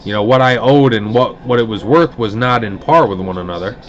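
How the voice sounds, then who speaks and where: Animated man telling a gripe story. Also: on the low side, a little fast. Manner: animated, acts out quoted dialogue; indignant, grumbling. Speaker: card break host. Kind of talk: casual storytelling. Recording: dull lo-fi stream audio.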